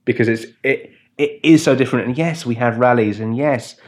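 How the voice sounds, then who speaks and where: A man's voice: mid-range voice, brisk, darkish tone. Laughing, rambling man co-hosting a podcast. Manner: rambling, laughing, sardonic asides. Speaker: podcast co-host. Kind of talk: casual political comedy chat.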